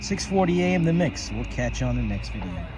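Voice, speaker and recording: A man's voice: medium pitch, big pitch swings, fairly quick, noisy background. A man presenting a video like a radio DJ, with an announcer's showmanship. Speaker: host.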